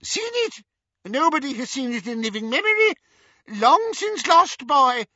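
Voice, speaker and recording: A man's voice: very high-pitched, sing-song, measured pace, bright, forceful tone, no echo, dull audio, pitched above the performer's own voice, full character voice. A man voicing an aloof, proud ghost woman in an audiobook, speaking with cold disdain. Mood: disdainful.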